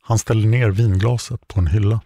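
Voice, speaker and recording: A man with a low, gravelly voice narrates a true crime story. His reading is steady and measured, recorded close and dry with no room sound. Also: no room sound.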